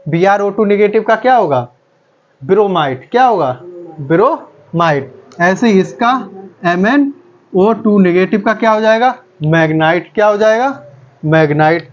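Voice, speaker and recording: A man's voice: sits high, dull audio. A male chemistry teacher lecturing, asking the class a question and repeating each answer back.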